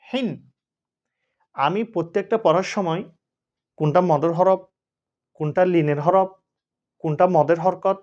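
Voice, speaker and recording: A male Quran teacher slowly spelling out Arabic letters and vowel marks, syllable by syllable, in a lesson. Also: a little high, highs cut off. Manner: slow, drawn-out recitation of syllables.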